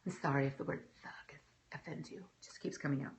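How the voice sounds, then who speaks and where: A woman hosting a faith-based encouragement talk, chatty and animated, talking straight to her viewers. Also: low voice, fairly quick. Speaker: host.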